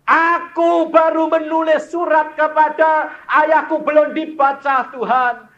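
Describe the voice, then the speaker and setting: Man playing a repentant son, high, pleading and tearful, in a sermon retelling. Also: flat delivery, slow. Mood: fervent. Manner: pleading, crying out. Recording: dull lo-fi recording.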